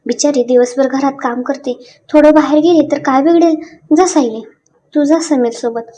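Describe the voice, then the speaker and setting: A woman's voice: high-pitched, normal speed, mellow, natural voice. A woman voicing a stern but kindly middle-aged aunt with a firm, commanding way of speaking.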